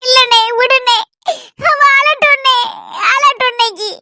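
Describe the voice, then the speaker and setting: A tearful younger sister, played by a woman in a homemade family drama, begging forgiveness through her crying and repeating her self-blame. The voice is very high and bright, and the sound is close and dry. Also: normal speed, no echo. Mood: remorseful.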